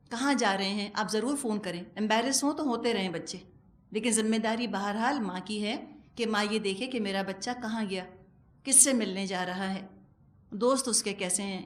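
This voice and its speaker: A middle-aged woman giving a religious lecture as a Quran teacher, conversational and animated, with wry humor and acted-out asides. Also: mid-range voice. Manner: animated, acts out quoted speech.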